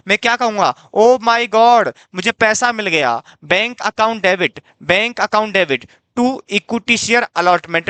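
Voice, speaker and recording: A man's voice: high voice, sharp tone, smooth, dry recording. A man teaching an accounting class, coaxing and repetitive, quizzing his students and calling them dear. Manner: coaxing, repeats himself, quizzes students, calls them "beta". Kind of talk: classroom lecture.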